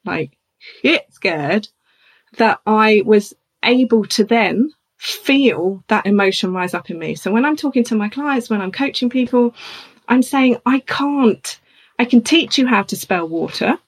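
A middle-aged woman, a coach and speaker, telling a personal story in an animated conversational way. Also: mid-range voice, measured pace, husky. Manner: animated, acts out other people's voices in her anecdotes.

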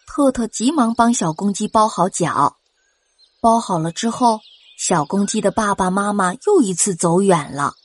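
A woman narrating a children's story, gently speaking to young listeners. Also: mid-range voice, lively intonation, normal speed, breathy edge. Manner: gentle, addresses children directly.

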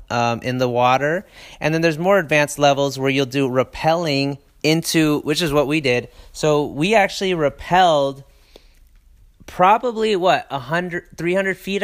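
An enthusiastic man recounts a trip in a loose, rambling way, full of fillers and restarts. His voice is smooth and clear and sits at an ordinary pitch. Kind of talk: casual travel chat.

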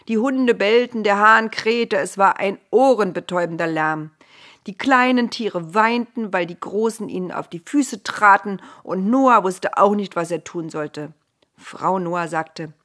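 Woman narrator, slow, gentle storybook reading, whispers at moments. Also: medium pitch. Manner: gentle, drops to a whisper at times.

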